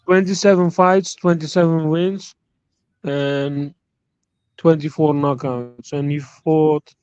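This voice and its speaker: A friendly guest caller from the Netherlands, a man with a slightly raised pitch who patiently rattles off stats. His voice comes through dry and muffled, like low-fidelity call audio. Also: fairly even intonation, slow, a little mellow, smooth, no room sound. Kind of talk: casual call-in chat.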